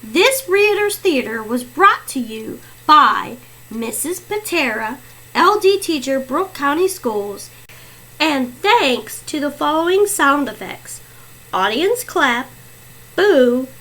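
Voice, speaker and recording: Slow, lively-voiced woman teacher. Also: high voice, rough recording. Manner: clear, deliberate, teacherly delivery. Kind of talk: instructional narration with fluency tips.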